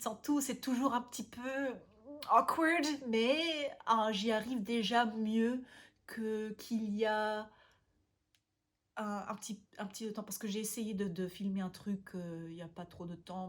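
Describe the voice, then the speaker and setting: A woman from Austria, talking casually to camera as a language vlogger, often pausing to search for words and restarting. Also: medium pitch. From Austria (Vienna). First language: German.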